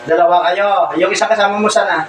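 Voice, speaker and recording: A man playing a folk healer questions someone during a healing ritual, firing short, demanding questions over and over. His voice is high and steady, and he talks fast. The recording sounds echoey and distant, with loud ambient noise.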